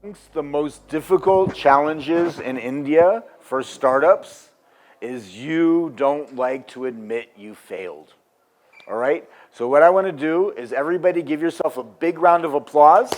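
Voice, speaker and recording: A middle-aged man leading a workshop for a live group, animated and shifting between loud and quiet. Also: on the high side, unhurried, slight background noise. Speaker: workshop leader.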